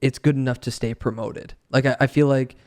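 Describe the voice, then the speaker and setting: Smooth-voiced podcast host man. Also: medium pitch, fairly even intonation, brisk, darkish tone. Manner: thinks aloud with restarts, breaks into laughter. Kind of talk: casual chat.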